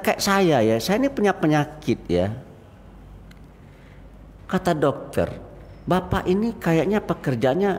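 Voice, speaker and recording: An older Indonesian man gives a lively after-dawn mosque sermon, telling stories and acting out the voices he quotes. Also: mid-range voice. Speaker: preacher. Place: mosque hall. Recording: reverberant mosque hall, faint noise.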